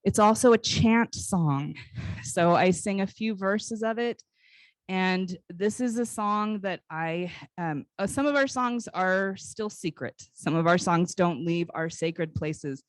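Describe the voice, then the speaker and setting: At a live conference talk, a basket weaver and cultural educator in her forties from Northern California tells personal stories conversationally and informally, pausing often. Her voice is on the low side, and the recording is dry.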